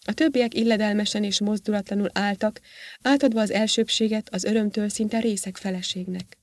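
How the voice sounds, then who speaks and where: A woman's voice: medium pitch, fairly even intonation, no room sound. Woman narrating a sci-fi audiobook. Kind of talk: scripted narration.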